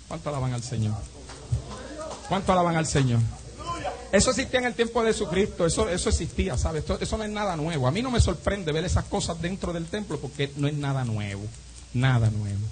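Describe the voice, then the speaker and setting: A male pastor preaching an evening sermon, firing off repeated rhetorical questions and swinging between shouts and hushed asides. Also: fairly high pitch, a little hiss or hum, rough recording. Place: church.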